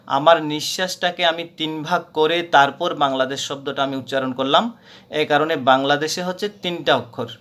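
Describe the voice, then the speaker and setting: A man's voice: fairly high pitch, a bit bright. A man teaching a grammar lesson, patiently repeating points with frequent hesitations. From Bangladesh.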